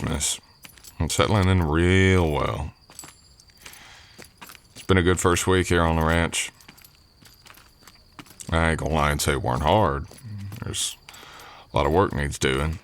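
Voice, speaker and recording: A man acts as an Old West drifter cowboy working as a ranch hand, his voice extremely deep with an unhurried, folksy drawl and an exaggerated quality. Modest and courteous, he speaks intimately to the listener in ASMR roleplay style; the sound is a bit bright with slight hiss or hum.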